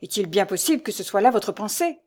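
A woman's voice: medium pitch, lively intonation, quick pace, darkish tone, lightly acted. A woman voicing a proud old baron in a storybook, raging at his son with vehement, commanding force. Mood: furious.

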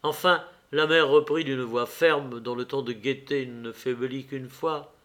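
Slow, measured male audiobook narrator. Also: mid-range voice. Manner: measured, expressive storytelling.

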